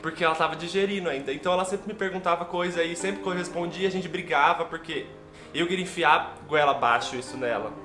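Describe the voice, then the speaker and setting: With a slightly high, bright voice and a forceful tone, a young Brazilian Portuguese-accented vlogger recounts a personal story to his viewers, quick-paced and full of emotion. The room is echoey, and music plays behind him.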